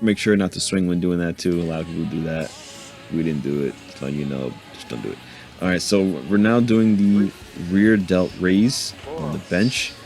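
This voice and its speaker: A man's voice: sits low, creaky, a little mellow. A man giving a casual, joking voice-over commentary on his own workout footage. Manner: laid-back, joking, laughs to himself. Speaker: fitness vlogger narrating his workout. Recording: voice-over with faint background music.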